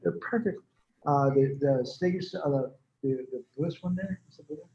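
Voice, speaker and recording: A man's voice: on the high side, moderate pace, warm tone. Rambling talkative man in his seventies. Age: 70s. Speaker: healer and medium being interviewed. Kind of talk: casual interview talk. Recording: echoey room, dull lo-fi sound.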